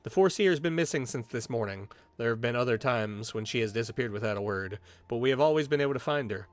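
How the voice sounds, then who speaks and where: A man's voice: medium pitch, lively intonation, fast, close to an everyday voice. A man reading the lines of a formal, courteous guild officer from a fantasy game in his own voice, with archaic diction. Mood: earnest.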